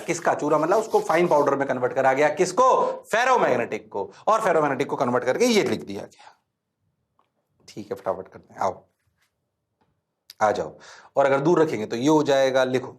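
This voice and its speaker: A man teaching physics in a lecture, mixing Hindi and English, often asking his class whether things are clear and telling them to write quickly. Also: a little high, animated. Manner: asks students frequent check questions, urges them to write fast.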